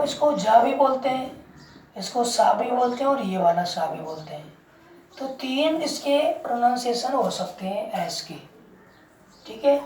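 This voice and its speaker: A woman teaching pronunciation in a slow, unhurried lesson, repeating each point and quizzing listeners with questions. Her voice sits somewhat high but sounds mellow. It comes from some distance off the mic, in an echoey room with a faint hum behind it. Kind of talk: classroom-style lesson.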